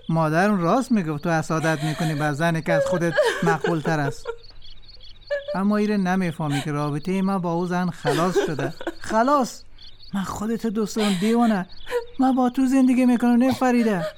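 A man with an Afghan Dari accent playing a husband who defends himself and tries to calm his wife in a drama. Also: high-pitched, noisy background, close to an everyday voice. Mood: placating. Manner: coaxing, defensive.

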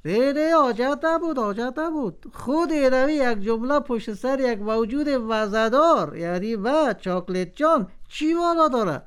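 A woman's voice: high-pitched, expressive, hardly any pauses, clean tone. A woman voicing a proud, touchy talking chocolate character with an Afghan Dari accent, boastful and easily offended. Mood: aggrieved.

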